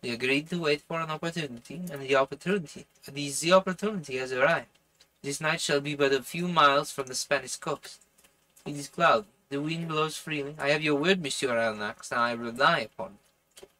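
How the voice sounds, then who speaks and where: A man's voice: fairly high pitch, a little fast, sharp tone, poor audio. A man voicing a determined, impatient harpooner in an audiobook, with a put-on French accent and an urgent, resolute manner. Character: determined, impatient Canadian harpooner plotting escape. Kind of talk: audiobook character voice.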